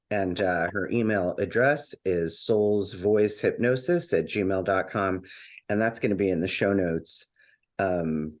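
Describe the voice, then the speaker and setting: A man hosting a podcast in casual conversation, rambling a little with fillers and restarts. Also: lowish voice. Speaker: podcast host.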